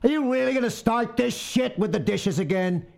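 A man putting on a shrill, bitter husband. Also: lively intonation, normal speed, creaky, breathy edge, exaggerated voice. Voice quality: shrill strained voice. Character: bitter quarreling husband next door.

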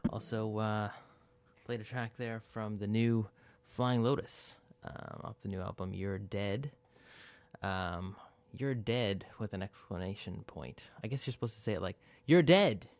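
A man with a lowish voice back-announcing tracks on a radio show. He talks in a loose, halting way, full of ums and uhs, relaxed and unscripted. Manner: halting, many fillers, relaxed. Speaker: guest radio host.

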